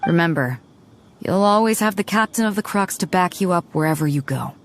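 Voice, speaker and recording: A woman's voice: on the low side, animated, fairly quick, a little hiss or hum, natural voice. Beidou, a woman acting a swaggering female sea captain. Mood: proud, reassuring. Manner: confident, teasing, swaggering. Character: bold, hearty female sea captain with a cursed past. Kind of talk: video game voice acting. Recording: studio voice over background music. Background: music.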